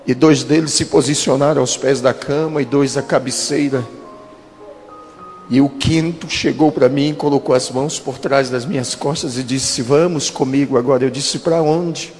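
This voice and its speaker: A man in his thirties, a pastor, giving a dramatic testimony and slowing down for quoted speech. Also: medium pitch, fairly even intonation, darkish tone. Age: 30s. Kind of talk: testimony sermon. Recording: reverberant hall with music behind.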